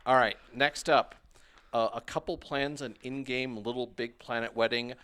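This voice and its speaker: A man's voice: medium pitch, fairly even intonation, normal speed, pushed and bright, smooth. A man hosting a gaming podcast, teasing his co-hosts, laughing easily and introducing news items. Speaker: podcast host. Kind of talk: casual chat.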